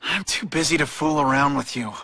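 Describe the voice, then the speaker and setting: An actor playing a wisecracking young superhero in a video game, with a casual, sarcastic manner. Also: male voice, a little high, a little fast, bright, forceful tone, no echo. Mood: annoyed, flustered. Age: young adult. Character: wisecracking young male superhero, earnest and quippy.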